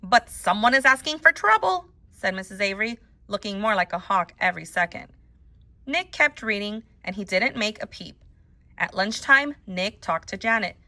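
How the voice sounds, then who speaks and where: Reading to children as a teacher would, this woman voices a picture book with lively storytelling and deliberate stress on words, her pitch sitting in the middle range.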